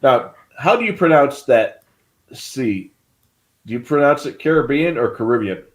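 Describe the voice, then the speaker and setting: A man's voice: medium pitch, big pitch swings, measured pace. A man co-hosting a live stream, explaining in a casual, rambling way with many fillers. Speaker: livestream co-host.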